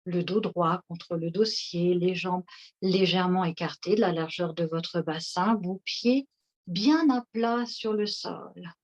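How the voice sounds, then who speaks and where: Woman talking you through a chair relaxation, real slow and calm, kinda muffled lo-fi sound. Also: on the low side. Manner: slow, soothing, instructive. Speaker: relaxation guide. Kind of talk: guided seated relaxation session. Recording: dull lo-fi recording.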